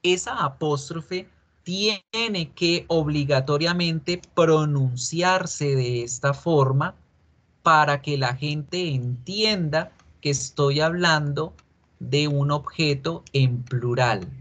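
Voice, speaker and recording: Slow, patient male teacher. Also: fairly high pitch, a bit bright. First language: Spanish. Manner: patient, repeats and asks students questions. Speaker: English teacher. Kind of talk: online class explanation.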